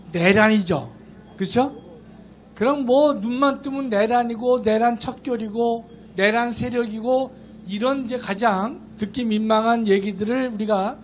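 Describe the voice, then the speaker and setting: A man's voice: sits high, slight background noise. A man, a law professor, speaking at an outdoor political rally, chatty and joking, then emphatic. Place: outdoor rally in a station square.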